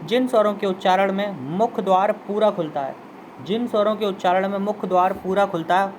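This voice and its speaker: A man's voice: high voice, normal speed, darkish tone, a little hiss or hum, rough recording. A man teaching a Hindi grammar lesson, repeating terms and sounding out example vowels while inviting students to try them. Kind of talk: classroom lesson explanation.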